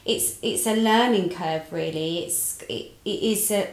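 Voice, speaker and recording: A woman's voice: on the low side, measured pace. Thoughtful British woman, echoey room. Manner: thoughtful, restarts phrases, steady. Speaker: podcast co-host, business owner. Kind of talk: casual business chat. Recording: roomy echo.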